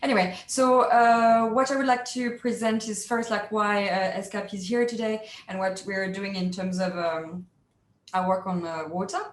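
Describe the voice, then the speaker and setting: A woman's voice: medium pitch, steady tone, normal speed. A woman giving a keynote presentation in a webinar, speaking politely and energetically with frequent fillers over a video call. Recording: roomy with faint noise.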